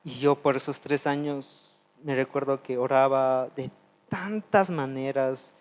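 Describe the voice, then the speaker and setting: Earnest and confessional, a man preaches a testimonial sermon that alternates between loud pleading and soft, low-voiced asides.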